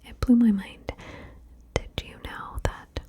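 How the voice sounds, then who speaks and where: A woman whispering chatty ASMR, playful and soft, moving between left and right ear on a binaural mic. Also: slow pace. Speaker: ASMR creator.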